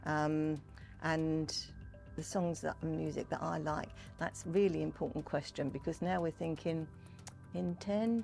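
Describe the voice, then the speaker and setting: Low-voiced older woman with gravelly creak. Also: mellow. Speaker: Pearly Queen and community fundraiser, interviewee. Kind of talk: informal interview talk about history and culture.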